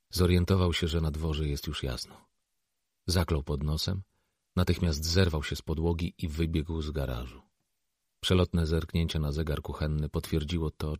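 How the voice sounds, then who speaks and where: A man narrating a novel as an audiobook, in a measured, even storytelling manner. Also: rumbling low, breathy edge, no echo, clean studio sound. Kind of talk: scripted narration.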